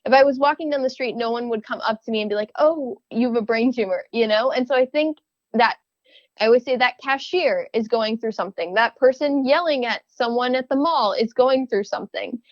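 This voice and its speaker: A young woman guest in a casual interview, speaking thoughtfully with frequent restarts and small soft laughs. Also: on the high side, a little fast, no room sound, highs cut off. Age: young adult.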